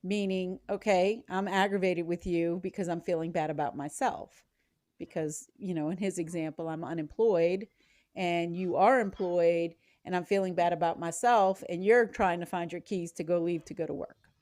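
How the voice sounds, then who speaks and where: A woman's voice: lowish voice, fairly even intonation, moderate pace, darkish tone, no room sound, clean studio sound. A woman hosting a casual talk show, explaining ideas with easy laughs. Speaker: podcast host. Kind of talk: casual chat.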